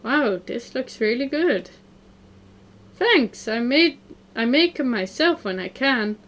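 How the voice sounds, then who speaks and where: A woman's voice: on the high side, expressive, slow, fairly bright tone. A woman voicing a cheerful, sporty teenage girl in a visual novel, in an upbeat, bubbly manner.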